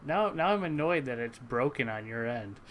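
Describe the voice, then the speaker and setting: A man's voice: mid-range voice, animated, measured pace, a bit bright, a little hiss or hum. A young man hosting a casual home-brewing chat, easygoing and self-deprecating, who chuckles often. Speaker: channel host.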